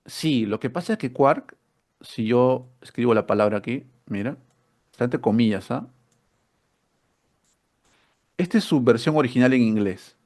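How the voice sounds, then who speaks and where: A man's voice: medium pitch, lively intonation, normal speed, darkish tone. A man teaching an online spelling workshop, explaining step by step with rhetorical questions and repeated words.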